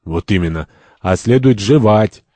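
A man's voice: on the low side, expressive, unhurried, warm tone, no echo. A man voicing a cocky, carefree male libertine who embodies freedom, in a stage-play reading. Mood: brash. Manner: brash, mocking.

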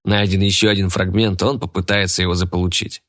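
A man's voice: low voice, flat delivery, fast talker, a bit bright. A man voicing a cool, curt male getaway driver.

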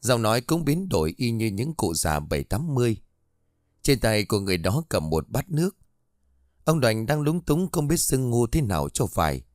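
A man narrating a ghost story with an expressive reading. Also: mid-range voice, normal speed, dry recording, clean studio sound.

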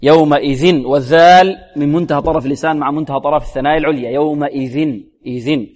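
A man teaching Quran recitation rules, quizzing his listeners with repeated questions and slowly demonstrating each sound. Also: fairly high pitch. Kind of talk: tajweed lesson. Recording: long reverberant hall.

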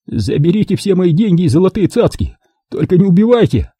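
A rough, coarse ex-diver thug, played by a male reader with a husky, dark voice pushed well above the reader's natural pitch. He barks crude threats and begs in a lively up-and-down delivery, recorded dry and close. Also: moderate pace, no echo, full character voice. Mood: pleading. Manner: coarse, snarling, then pleading.

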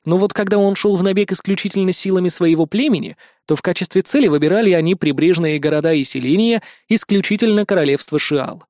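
A man's voice: high voice, fast, hardly any pauses, a little mellow, no echo, clean studio sound. A man narrating an audiobook in the first person, wry and conversational.

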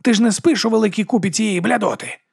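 A man's voice: sits high, fast talker, creaky, slightly rough, pitched above the performer's own voice, full character voice. Man doing a crude rambling woman warrior. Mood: cheeky. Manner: blunt, swearing, chatty.

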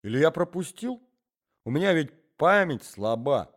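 A man's voice: a little high, sing-song, moderate pace, fairly bright tone, pitched above the performer's own voice. A man voicing a forgetful old husband who rambles and coughs as he talks. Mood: doddering chatter. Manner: rambling, wheezy, coughs often.

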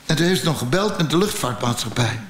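A man with a Dutch accent doing stand-up storytelling, blunt and profane with a deadpan delivery. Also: medium pitch, fast talker, roomy sound, slight background noise. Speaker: stand-up comedian.

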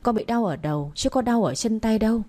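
A woman's voice: a little high, animated, brisk, mellow, pitched above the performer's own voice. A woman reading the part of a stubborn young man, a village doctor, insisting and pleading with his father. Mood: teasing.

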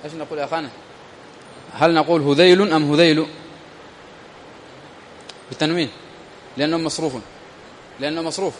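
A man teaching a classroom grammar lesson, reading a text aloud slowly and then explaining it and putting questions to his students. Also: a little high, steady tone, a little hiss or hum. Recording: long hall reverb.

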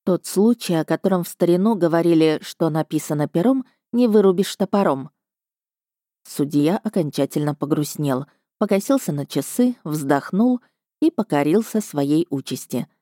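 Low, mellow-voiced female narrator. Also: animated, normal speed, no echo, clean studio sound. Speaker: audiobook narrator. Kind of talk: scripted first-person narration.

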